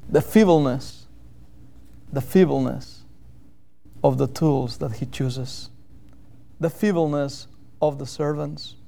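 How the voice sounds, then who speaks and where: A missionary preacher from Catalonia, Spain, delivers a sermon in English, his second language, with a Catalan accent. He's earnest, deliberately repeating key phrases for rhetorical emphasis. His voice sits on the high side and sounds gravelly and dark.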